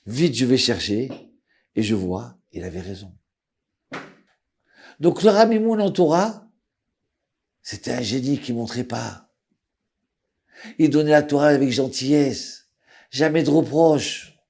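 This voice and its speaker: A man, telling a personal story in a lively way and acting out the voices. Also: medium pitch, unhurried, vocal fry, long pauses, slightly rough. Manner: lively, acts out voices, swings loud and soft.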